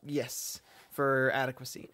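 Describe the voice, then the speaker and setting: A man's voice: medium pitch, monotone, measured pace, sharp tone, dry recording. A young man co-hosting a writing podcast, talking casually with a self-deprecating, rambling manner. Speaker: podcast co-host.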